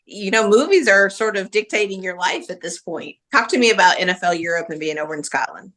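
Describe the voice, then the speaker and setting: A woman hosting an interview podcast, setting up each question with measured background before asking. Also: mid-range voice, expressive, a bit bright. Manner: measured, leading questions with context.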